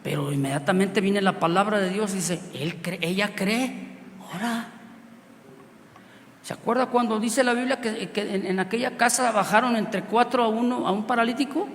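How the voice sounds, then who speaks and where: A man with a Mexican accent preaching a sermon through a personal story, swinging from loud outbursts to quiet asides and laughing often. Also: high-pitched, normal speed. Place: church hall with long reverb. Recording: reverberant hall, faint background noise.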